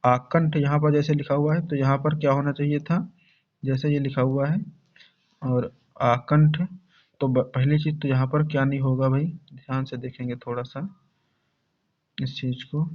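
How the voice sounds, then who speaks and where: A man leads an online exam-prep lesson in Hindi. He drills answer after answer, repeating each spelling and calling out to his students as brothers and friends. His mid-pitched voice comes through a dull, lo-fi recording. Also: level tone, normal speed, pauses often. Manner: repetitive, drills correct spellings, calls students "bhai" and "saathiyon". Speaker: Hindi teacher. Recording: dull lo-fi sound.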